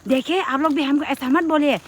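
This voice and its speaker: A woman voicing an irritated, defensive female nurse, curt and quick to snap. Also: high-pitched, fairly even intonation, slight background noise, voice pushed up, close to an everyday voice.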